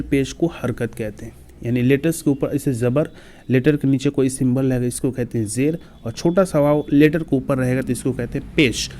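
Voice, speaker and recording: A man's voice: mid-range voice, warm tone. A male teacher giving an exam-prep grammar lesson, patiently explaining step by step and reciting lists of letters.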